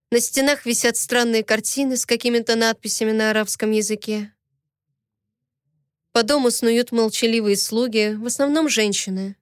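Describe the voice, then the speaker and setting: A woman's voice: fairly high pitch, smooth, no echo, clean studio sound. A woman narrating a first-person audiobook with an emotional, dramatic reading.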